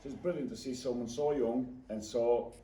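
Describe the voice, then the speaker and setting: A man with a County Cork Irish accent speaks informally to a gathering, halting and repeating his words. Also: mid-range voice, steady tone, warm tone. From Ireland. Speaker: singer and traditional storyteller. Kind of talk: informal off-the-cuff speech to a gathering. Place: echoey indoor room before an audience. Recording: echoey room, distant mic, background noise.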